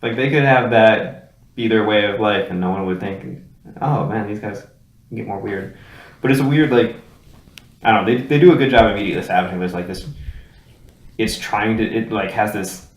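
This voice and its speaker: A man's voice: on the low side, fairly quick. A man co-hosting a casual movie chat, dry and offhand, often trailing off into mumbles. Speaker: podcast co-host. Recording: echoey room with faint noise.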